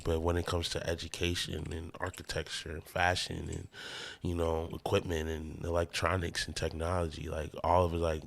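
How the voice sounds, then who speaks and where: A man's voice: deep voice, vocal fry. A man from the American Midwest, a musician guest talking in a loose, rambling, laid-back way on a casual podcast.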